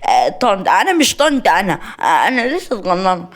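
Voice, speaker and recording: A woman's voice: mid-range voice, very animated, quick pace, voice pushed up, natural voice. A woman with an Egyptian accent voicing a touchy young woman who whines and complains indignantly about being called auntie. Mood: whiny.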